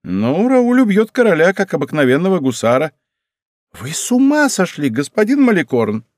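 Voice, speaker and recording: A man voicing a lively, gossipy young court lady in an audiobook, exclaiming in a raised voice. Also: normal speed, no echo. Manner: excitable, exclaiming, higher put-on pitch. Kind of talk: audiobook character voice.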